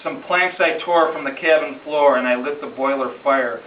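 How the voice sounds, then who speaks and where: At a moderate pace and with a mid-range voice, a man recites a narrative ballad at a gathering in someone's home, giving it a dramatic rhythm and emphatic, storytelling phrasing as an amateur reader. The recording is muffled, roomy and distant, with faint noise.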